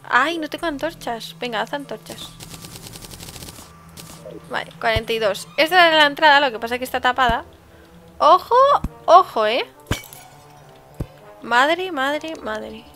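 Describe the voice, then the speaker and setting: A woman with a Spain Spanish accent gives casual, chatty gameplay commentary and breaks into sudden excited exclamations. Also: high voice, moderate pace, faint music behind. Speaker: let's-play host.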